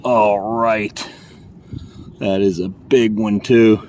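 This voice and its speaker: A man, vlogging casually as he metal detects in a public park, excitable and chatty as he calls out his finds. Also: on the low side, drawn-out words, slight background noise. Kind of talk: casual vlog narration while detecting.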